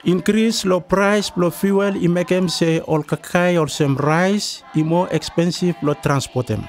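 A man with a Melanesian Pidgin accent reads scripted documentary narration in island pidgin. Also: a little high. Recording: voice-over with music behind. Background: music.

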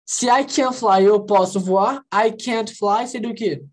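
A woman teaching English in an online class, lively and coaxing, quizzing students and repeating phrases slowly. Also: mid-range voice. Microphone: video call.

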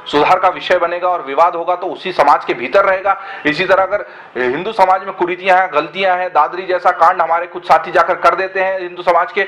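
A man's voice: sits high, a bit bright, low-quality recording. A man giving earnest, argumentative commentary in a web discussion, often asking rhetorical questions.

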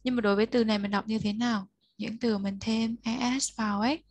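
A woman's voice: fairly high pitch, fairly even intonation, fast, no echo. Patient woman tutor, dry close sound. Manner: patient, explains step by step, prompts the learner. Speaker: English tutor. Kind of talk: one-on-one tutoring of a child.

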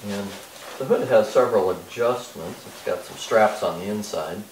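Older man demoing gear in echoey workshop. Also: on the low side. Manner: plain, halting explanation with many fillers. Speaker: DIY car restoration vlogger. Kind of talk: casual hands-on product demo. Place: large bare-walled workshop indoors. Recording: echoey workshop, distant mic, faint noise.

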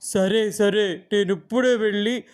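A woman voicing an eager, restless, always-hungry female squirrel in a children's storybook, in a brisk plain voice. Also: mid-range voice, fairly even intonation, a little mellow, natural voice. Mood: urgent.

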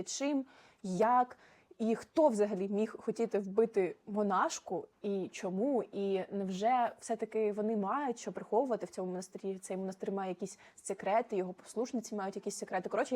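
A young woman talks through her book picks at a brisk clip, chatty and animated, with quick asides. Her pitch sits in an ordinary middle range. She is sitting on the floor at home. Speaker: book vlogger. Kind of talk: casual book review.

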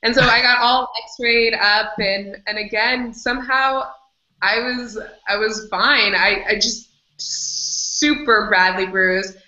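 A woman with a bright, forceful voice shares her story as an interview guest, animated and quick to laugh. She acts out what she said back then. The recording sounds roomy and a little dull. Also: a little high. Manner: animated, laughs often, acts out her own past words. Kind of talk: candid storytelling in conversation.

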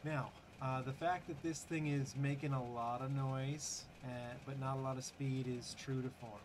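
A man's voice: mid-range voice, fairly even intonation, normal speed, background noise. A man hosting a gaming channel, giving casual, chatty commentary over gameplay with wry, sarcastic asides and lots of fillers.

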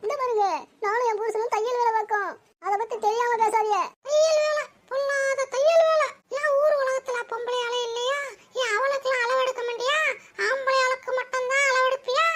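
Very high and piercing, this is a cartoon voice of sharp-tongued village women trading insults, all put on by one woman. The tone stays scolding and combative throughout. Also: fairly even intonation, a little fast. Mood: quarrelling. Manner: scolding, high-pitched and shrill.

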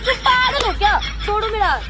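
A woman's voice: extremely high pitch, expressive, brisk, a loud crowd, heavy background noise. A young woman with an Indian Hindi accent in a street prank outdoors, scolding and irritated. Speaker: prank target. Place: outdoors in a park.

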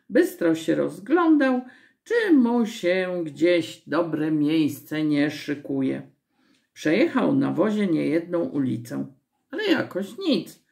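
Woman reading a children's story aloud, low gravelly voice, animated pitch, unhurried pace. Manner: expressive, slow storytelling.

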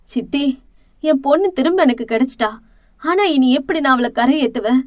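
A woman's voice: high-pitched, animated, normal speed, no room sound, studio quality. A woman voicing an anxious middle-aged mother who pleads with worry in an audiobook drama. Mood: worried. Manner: worried, pleading.

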